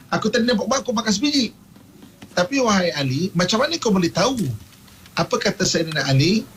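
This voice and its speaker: Male radio preacher with Malaysian accent, slightly high pitch, animated storyteller, light background noise. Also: low-quality recording. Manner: animated storyteller, acts out quotes, laughs often. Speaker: religious teacher on radio. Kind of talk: radio religious talk with storytelling.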